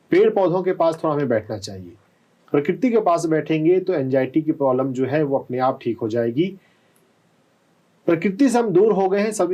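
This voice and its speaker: A man working as a doctor, calmly explaining answers to callers on a live health call-in show and often checking with "है ना?". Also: on the high side, muffled recording. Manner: calm, explanatory, often asks "है ना?".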